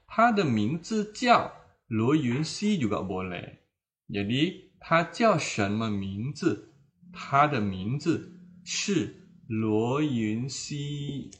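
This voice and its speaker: A man teaching beginners a language, explaining slowly and repeating each word and phrase. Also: mid-range voice, a bit bright. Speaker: Mandarin teacher. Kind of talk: language lesson in Indonesian.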